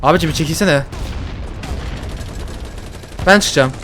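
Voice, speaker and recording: A man with a somewhat high voice talks through a shooter match, excitable and quick to curse at the game. Faint gunfire and explosions sit behind him. His commentary is loose and casual. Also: slight background noise. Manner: excitable, swearing, joking at the game. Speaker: gaming YouTuber.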